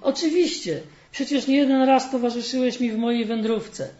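A man voicing a tiny, cheerful old woman who asks questions gently and warmly, in a fable read from the pulpit. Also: very high voice, moderate pace, reverberant, dull audio, voice pushed up. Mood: gentle, kindly. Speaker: storyteller.

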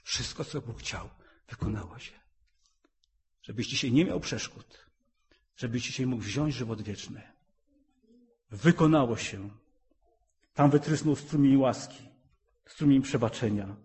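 A middle-aged man preaching a sermon, fervent and rhythmic, repeating phrases and rising to loud emphatic peaks. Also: mid-range voice, measured pace, long pauses.

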